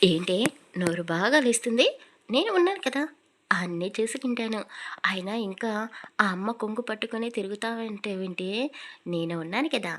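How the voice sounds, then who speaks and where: A woman's voice: medium pitch, animated, normal speed, a bit bright, a little hiss or hum, close to an everyday voice. Woman doing a teasing young husband.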